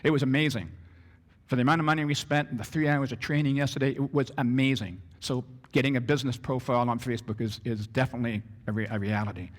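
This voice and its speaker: A man giving a business presentation to an audience, animated and acting out little scenes as he talks. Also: medium pitch, fast talker. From Canada. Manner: animated, acts out scenarios in character voices. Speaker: business trainer. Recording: long reverb of a hall.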